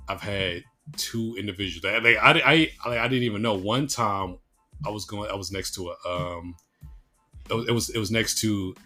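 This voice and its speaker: A young man co-hosting a casual podcast who talks haltingly, repeating words as he searches for them. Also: low-pitched, bright, forceful tone. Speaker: podcast co-host. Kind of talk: casual chat.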